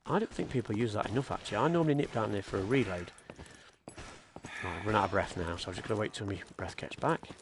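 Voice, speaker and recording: Chatty man over loud gunfire. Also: fairly low pitch, fast, noisy background. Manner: chatty, explaining controls while playing, frequent fillers. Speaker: gaming video creator. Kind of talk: casual gameplay commentary. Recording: loud game gunfire behind the voice. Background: loud gunfire and game sounds.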